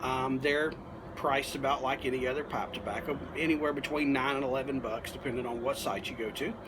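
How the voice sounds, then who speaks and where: Against clearly audible background noise, a pipe tobacco reviewer talks through a casual review in a folksy, unhurried way, like a hobby reviewer on video. His ordinary male pitch stays fairly even, and he pauses often while explaining.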